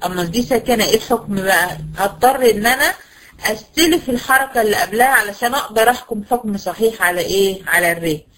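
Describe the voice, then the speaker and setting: In this tajweed lesson, a woman teacher of Quran recitation speaks with an Egyptian Arabic accent in a medium, slightly bright voice. She patiently drills sounds at a slow pace and answers her own questions, though the audio is poor.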